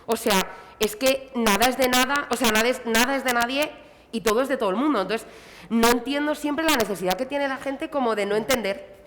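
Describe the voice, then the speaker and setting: A woman's voice: a little high, fairly quick. Woman in a reverberant hall. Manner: animated, acts out quotes in a mocking voice. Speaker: panelist. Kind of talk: casual panel talk. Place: convention hall. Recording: reverberant hall, faint noise.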